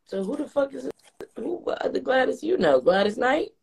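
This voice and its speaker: A woman's voice: sits high, big pitch swings, brisk, vocal fry, a little mellow, husky, rough recording. A woman from Newark, brash and profane in casual comedic banter. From Newark, New Jersey.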